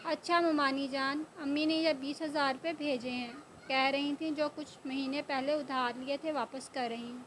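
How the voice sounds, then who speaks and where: A woman voicing a polite, lovesick young man who speaks softly and pleads in a storybook reading. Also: sits high, fairly even intonation, hardly any pauses, a little hiss or hum, poor audio. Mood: pleading.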